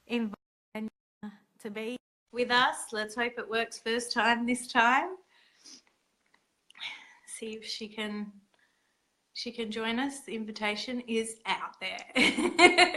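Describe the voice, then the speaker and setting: On a video call, a woman hosts an online women's circle, chatting casually and hesitantly with lots of fillers and restarts. Her mid-range voice is bright and forceful, though the recording quality is low.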